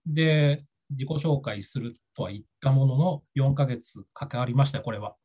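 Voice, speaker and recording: A man chatting casually as a podcast guest, telling stories in a lively, self-mocking way with frequent laughs. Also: medium pitch, moderate pace, breathy edge. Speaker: guest author and art teller.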